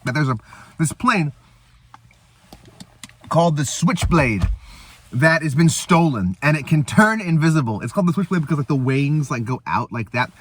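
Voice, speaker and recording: A man's voice: on the high side, fairly bright tone. A man hosting a casual eating show, rambling and laughing as he retells a movie between bites. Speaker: host. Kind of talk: casual chat.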